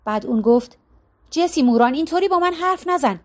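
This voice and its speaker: Woman voicing an exasperated young daughter. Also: high voice. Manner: exasperated, lively. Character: exasperated adult daughter Jesse.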